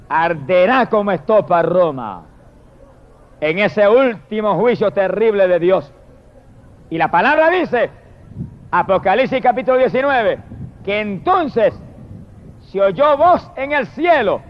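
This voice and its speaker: A man preaching a fiery sermon, swinging from shouted hallelujahs to low murmured praise. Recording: dull lo-fi recording.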